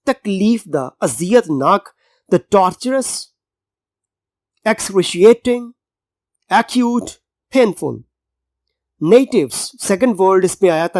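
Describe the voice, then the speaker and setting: A male college English teacher with a Pakistani Urdu accent reads a passage aloud word by word at a slow, unhurried pace. He pauses often to give synonyms and explain each line in Urdu. The sound is dry and close, with no room echo. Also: high voice, darkish tone. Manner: gives synonyms and everyday examples.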